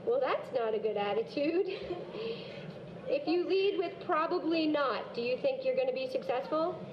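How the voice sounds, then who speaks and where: A woman from a school program narrating a video and coaching students in an encouraging, gently corrective way. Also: sits high, animated, normal speed, noisy background. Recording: dull lo-fi video audio with music. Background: background music.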